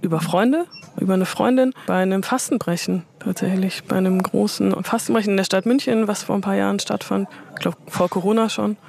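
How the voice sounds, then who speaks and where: A woman in a radio studio answering interview questions in German. She speaks in a relaxed, reflective way and laughs softly now and then. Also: medium pitch, fairly quick, creaky, a little hiss or hum. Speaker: guest, museum curator.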